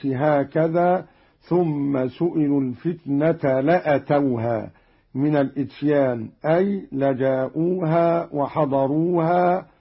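Male recitation teacher, slow and husky, measured explanations, lo-fi archival radio sound. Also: fairly high pitch. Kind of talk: radio lesson on recitation variants. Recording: dull lo-fi archival radio recording.

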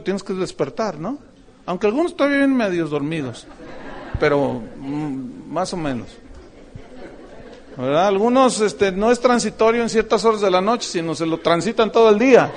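A middle-aged man preaching a sermon, telling a story with humor and acting out other people's voices. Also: high voice. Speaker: pastor.

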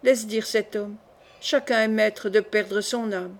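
A woman reading the part of a calm, grave young male nobleman in an audiobook, with a resigned manner. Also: mid-range voice, slow pace.

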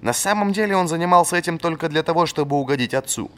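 A man narrating a fantasy audiobook in a lively, expressive scripted reading. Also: a little high, quick pace.

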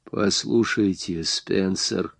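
A man voicing a shaken middle-aged crime boss, speaking slowly and gravely in an audiobook. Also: deep voice, fairly bright tone, no echo, studio quality, full character voice.

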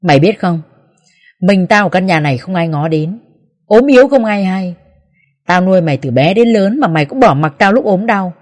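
A woman voicing a bitter, harsh old mother-in-law who shouts insults at her son. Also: lowish voice, lively intonation, moderate pace. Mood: bitter reproach.

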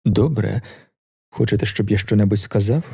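A bitter, wounded young poet speaks low, muffled and rough, as a male reader puts him on. The tone is dark and husky, with a gravelly edge. It is a storybook reading. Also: normal speed, dry recording, studio quality, exaggerated voice. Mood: tense.

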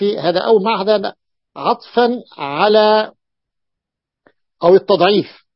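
A man's voice: high voice, dry recording. Dull lo-fi recording of a male teacher lecturing. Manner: repeats points and checks understanding with quick questions; reads quoted text slowly, then explains it. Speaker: religious teacher. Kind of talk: explanatory classroom lecture.

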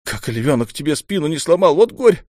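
A man voicing an eager young fanatical acolyte who talks in an excited, breathless way. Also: a little high, moderate pace, no echo, clean studio sound, voice pushed up. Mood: eager zeal.

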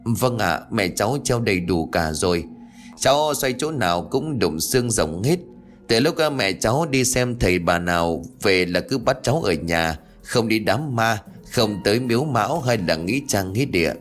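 A man's voice: fairly low pitch, expressive, moderate pace, soft background music, lightly acted. A man voicing a frail young village girl who pleads timidly in a ghost story. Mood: pleading.

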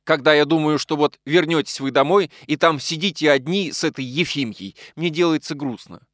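A man's voice: a little high, moderate pace, a bit bright, dry recording, studio quality, pitched above the performer's own voice, close to an everyday voice. A man reading an audiobook, voicing a tender, emotional young woman in an earnest, pleading tone. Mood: gentle.

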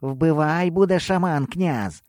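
A man's voice: a little high, slow pace, darkish tone, no room sound, studio quality, pitched above the performer's own voice. A man voicing a fearful male steppe shaman who speaks in broken phrases with a plaintive, whining tone. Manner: broken grammar, plaintive wail.

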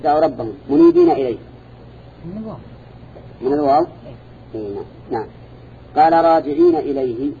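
A man teaching a classroom lecture, speaking in a measured way and quizzing his students with short questions as he goes. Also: medium pitch, expressive, slight background noise. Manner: measured, quizzes listeners with repeated "ha?" and "na'am". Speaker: teacher of Quran interpretation. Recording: dull lo-fi recording.

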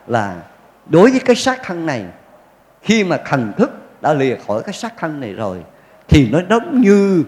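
A male Buddhist monk giving a folksy dharma talk, telling stories with jokes and acted quotes. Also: mid-range voice. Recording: long hall reverb.

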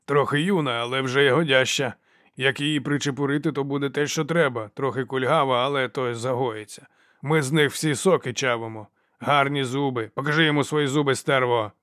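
A man reading an audiobook voices a coarse male slave guard who haggles and mocks in a loud, jeering way. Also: mid-range voice, steady tone, a little fast, dry recording, studio quality, lightly acted. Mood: jeering, haggling.

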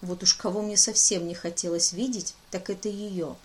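A woman's voice: mid-range voice, fairly even intonation, moderate pace. A woman narrating a fantasy romance audiobook in the first person, lightly voicing the dialogue.

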